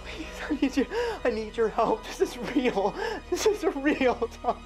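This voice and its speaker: A woman's voice: a little high, expressive, a little slow, music in the background. An actress playing a desperate woman who pleads for help.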